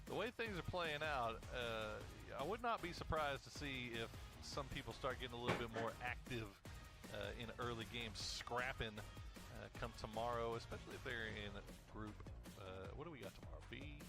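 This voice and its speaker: A man giving live esports play-by-play as a caster, relaxed and full of filler pauses. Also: mid-range voice, vocal fry. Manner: relaxed, uses many filler uhs. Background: music.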